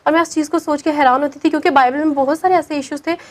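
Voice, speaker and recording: Young woman guest, bright high voice, earnest and emphatic storyteller. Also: fairly even intonation. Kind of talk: personal conversion story.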